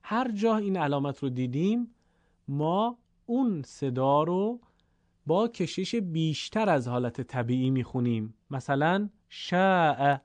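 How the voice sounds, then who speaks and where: A male Quran recitation teacher with a fairly high, mellow voice explains the rules patiently. He slows down to stretch out the vowels of his examples. The sound is close and dry. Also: dry recording. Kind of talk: recorded Quran reading lesson.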